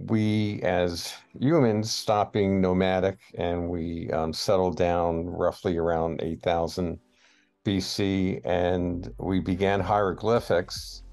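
A man giving a slow, hesitant lecture over slides, with many pauses and fillers. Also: low voice, a little mellow. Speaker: guest lecturer.

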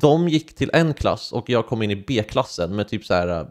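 A man's voice: lowish voice, big pitch swings. A young man, telling a personal story to camera in slangy, casual talk full of fillers and restarts. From Sweden. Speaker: vlogger.

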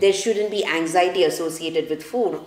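Casting: middle-aged woman, South Indian accent, fast conversational doctor explaining and mimicking others, in a reverberant room. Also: on the low side. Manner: animated, acts out parents' and children's remarks. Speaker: pediatrician guest. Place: large indoor living room by a fireplace.

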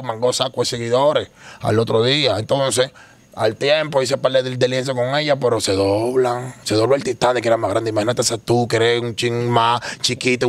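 Man, interview guest, rapid rambling slang-heavy storyteller, mid pitch. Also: dry recording. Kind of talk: casual street slang interview.

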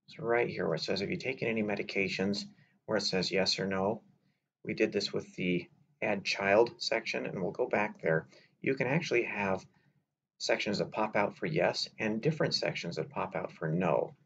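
A man walking through a software tutorial step by step, in a relaxed way with filler words, over a slightly dull recording with faint noise. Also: low voice, creaky. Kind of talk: screen-recorded software walkthrough.

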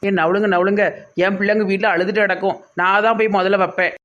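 A woman's voice: medium pitch, flat delivery, fast, fairly bright tone, dull audio. A woman with a Tirunelveli Tamil accent, playing a brash, scolding villager in a comedy sketch.

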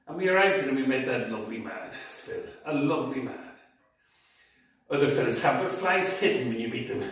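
A tired man, a fishing vlogger, chats cheerfully to the camera and laughs often. His medium-pitched voice is a bit bright, heard from a distance in a very echoey recording of casual talk to camera.

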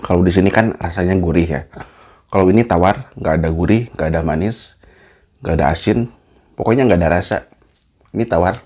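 A man's voice: low voice, a little fast, pauses often, a little mellow, husky. A man, chatting casually as a mukbang host while eating messily, talking between mouthfuls.

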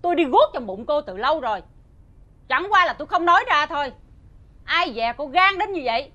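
A stern wealthy matriarch. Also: female voice, high voice, very animated, a little fast, pushed and bright, highs cut off, exaggerated voice. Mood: scolding. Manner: stern, scolding. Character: stern wealthy matriarch, mother-in-law, commanding. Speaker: household mistress.

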